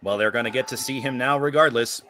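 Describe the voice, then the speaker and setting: A man's voice: medium pitch, fast talker, crowd noise, background noise. A man giving live play-by-play commentary on a baseball game.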